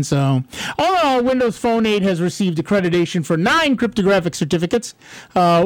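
A man's voice: high voice, a little mellow, no room sound, low-quality recording. A man with an American accent hosting a radio call-in show in a casual announcing style. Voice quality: throat trouble. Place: radio studio.

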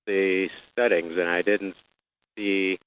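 A man's voice: low voice, level tone, slow, fairly bright tone, smooth, rough recording. A man calling in to a radio show, asking a hesitant, polite question.

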